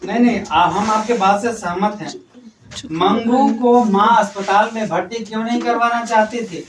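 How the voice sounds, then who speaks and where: A man's voice: high-pitched, moderate pace, recorded from a distance. A male teacher questioning students orally, teasing and challenging them. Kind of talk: oral exam questioning in class. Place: classroom. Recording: roomy classroom from afar, faint noise.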